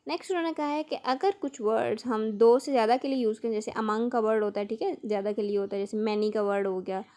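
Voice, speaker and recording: A woman teaching a grammar lesson for exam preparation. She explains each rule step by step, reads the English example sentences slowly and carefully, and often checks in with her students. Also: on the high side, mellow. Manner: explains in Hindi-Urdu mixed with English terms.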